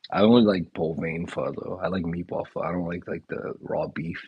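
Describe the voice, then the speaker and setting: Reading out viewer comments and riffing on them, a laid-back chef and restaurant owner hosts a casual live chat from indoors. His low, husky voice keeps a steady tone and moves a little fast. The audio is dull, without room sound.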